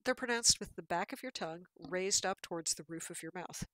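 A woman's voice: lowish voice, a little fast, pushed and bright, no echo. A woman giving a patient, explanatory lecture with slides, with fillers and restarts.

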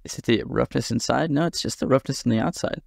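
Gravelly man talking through a tutorial. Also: medium pitch, fast talker, dry recording, clean studio sound. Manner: chatty, self-deprecating, thinks aloud. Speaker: software tutorial instructor. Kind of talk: casual screen-recorded tutorial.

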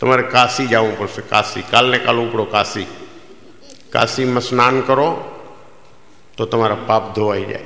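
A man playing a solemn male village astrologer who hands down weighty advice in slow, grave pronouncements. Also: medium pitch, steady tone, vocal fry, bright, forceful tone, voice pushed down. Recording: echoey hall, live stage.

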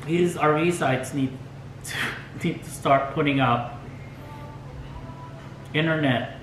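On this rough recording, an older man with a higher, slightly bright voice sits at his dining room table telling the camera how he's planning an RV road trip. As an RV travel vlogger, he's slow, opinionated, and given to chuckling while he talks. The room echoes, there's a little hiss or hum, and the camera is fixed across the table.

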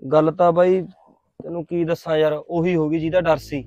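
A man in a short film playing a threatening, scornful man out for revenge, talking loudly. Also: on the high side, little pitch movement, normal speed, natural voice. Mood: indignant. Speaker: vengeful man spying on the heroine.

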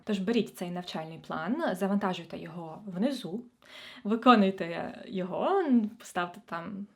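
A woman's voice: mid-range voice, darkish tone. A woman tutor giving an online exam-prep lesson, addressing students in a friendly, direct way. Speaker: Ukrainian language tutor.

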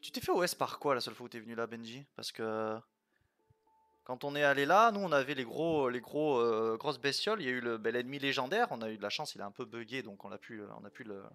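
A man's voice: medium pitch, animated, quick pace, a bit bright, faint music behind. A man streaming a video game, chatting casually and thinking aloud with lots of fillers and playful jokey asides. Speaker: let's play streamer. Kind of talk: casual gameplay commentary.

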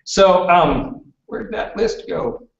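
A man's voice: high-pitched, slow pace, gravelly. Man presenting in an echoey room from afar. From British Columbia, Canada. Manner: chatty, keeps checking in with "okay?". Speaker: workshop presenter. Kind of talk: live classroom presentation. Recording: roomy, distant, dull room recording.

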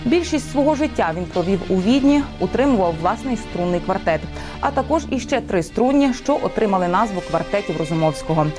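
Brisk woman news anchor over music. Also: mid-range voice, animated. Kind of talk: scripted news narration.

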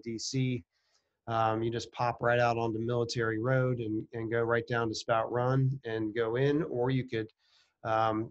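A man's voice: medium pitch, highs cut off. A middle-aged man casually narrating a virtual house tour as a real estate agent, with many ums and restarts.

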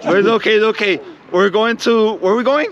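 A man in his thirties vlogging outdoors at night, loud and playful as he jokes with strangers. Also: sits high, brisk, dull audio. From Venezuela, raised in Miami. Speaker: travel vlogger. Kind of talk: casual street vlogging. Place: city street outside a bar at night. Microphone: handheld camera at arm's length. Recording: outdoor street crowd noise. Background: noisy crowd of people talking nearby.

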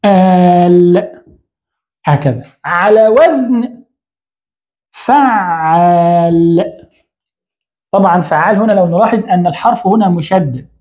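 In an online Arabic grammar lesson, a high-voiced man heard through dull audio explains while writing on a board. He poses a question to the learner, answers it himself, and frequently fixes his own mistakes.

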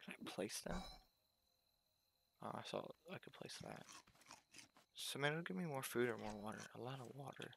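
Gravelly man thinking aloud over gameplay. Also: mid-range voice, moderate pace, pauses often, slight background noise. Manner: relaxed thinking aloud, talking to himself. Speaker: gameplay commentator. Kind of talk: casual game commentary.

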